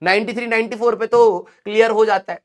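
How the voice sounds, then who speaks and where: A man's voice: high-pitched, fairly even intonation, fast talker, lightly acted. A man voicing a worried student who questions the teacher about targets. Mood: doubtful.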